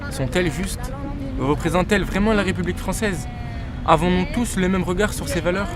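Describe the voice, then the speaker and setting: A young student presenter reciting a reflective text in a measured way, posing rhetorical questions. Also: mid-range voice. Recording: outdoor crowd noise behind.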